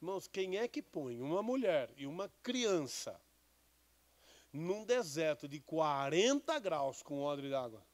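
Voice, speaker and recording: A man's voice: fairly high pitch, big pitch swings, measured pace. A man, a bishop giving a conversational sermon with Bible readings and questions to the congregation. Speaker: bishop preaching.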